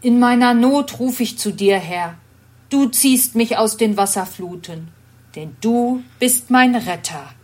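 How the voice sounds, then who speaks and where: Storybook prophet, a grown man, stubborn and sulky, read by a woman, unhurried. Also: medium pitch. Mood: praying. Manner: slow, earnest read-aloud delivery. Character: reluctant adult male prophet, stubborn and sulky.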